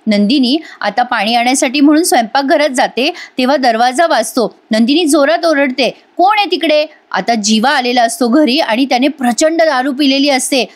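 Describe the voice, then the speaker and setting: A woman's voice: high-pitched, a little fast, hardly any pauses. A woman narrating a voice-over review of a TV serial episode, emotive and speaking directly to her viewers.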